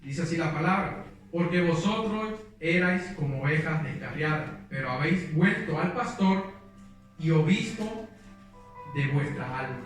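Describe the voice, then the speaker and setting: A young man with a fairly high voice preaches in a church, sharing his story earnestly and with feeling. He sounds distant from the mic, and his words ring through a very echoey hall. Soft music plays underneath. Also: expressive, a little slow. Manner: earnest, emotional storytelling with quoted prayers. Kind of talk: sermon with personal testimony.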